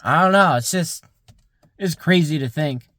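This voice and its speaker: Young guy rambling to camera, kinda high voice, dry close sound. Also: measured pace, a bit bright, no echo. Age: around 20. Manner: rambling, many "like" fillers, musing. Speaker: vlogger. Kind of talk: casual reflective monologue.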